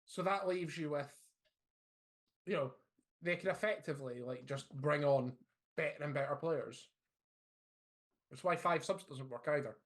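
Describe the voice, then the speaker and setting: A man with a fairly high voice co-hosts a casual football podcast. He talks bluntly and states his opinions without softening them. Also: a little slow, pauses often. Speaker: podcast co-host.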